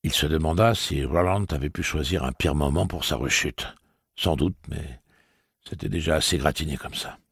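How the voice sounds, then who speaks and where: Deep, gravelly man narrating a novel. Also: a bit bright, no echo, clean studio sound. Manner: measured storytelling. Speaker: audiobook narrator. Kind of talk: scripted narration.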